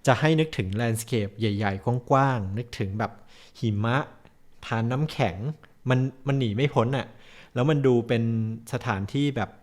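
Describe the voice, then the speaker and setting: A man from Thailand in a relaxed travel chat, speaking at an ordinary middle pitch. He talks in an easygoing, chatty way and stumbles a little over foreign place names. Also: moderate pace. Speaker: co-host.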